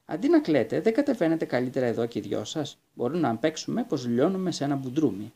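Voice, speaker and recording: A man's voice: medium pitch, big pitch swings, creaky, dark tone, breathy edge, heavily acted. A man voicing a bold, cheerful young girl in a storybook reading, cheeky and boastful. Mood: playful.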